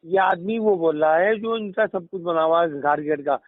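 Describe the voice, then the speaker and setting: A middle-aged man calling in, telling long anecdotes and quoting what others said, with halting restarts. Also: on the high side, dry recording. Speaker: caller. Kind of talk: casual phone conversation. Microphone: phone. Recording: dry, tinny phone line.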